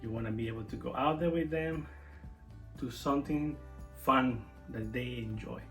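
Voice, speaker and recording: A man's voice: medium pitch, moderate pace, gravelly, a bit bright, faint music behind, poor audio. A young man from Venezuela talking casually to camera about parenting, earnest and reflective, often restarting his sentences. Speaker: co-host of a family channel.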